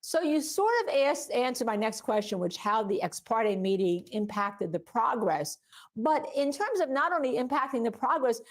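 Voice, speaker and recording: A woman working as a legal news interviewer, putting long, halting questions to a guest. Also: a little high, lively intonation.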